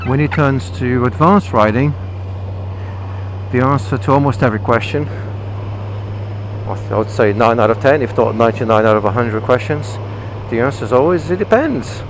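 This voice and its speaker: A man's voice: medium pitch, normal speed, long pauses, poor audio. A British man vlogging casually and explaining things as he rides, his voice recorded inside a motorcycle helmet. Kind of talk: casual explanatory vlog talk while riding. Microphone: microphone inside the helmet. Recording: clear engine, wind and traffic noise.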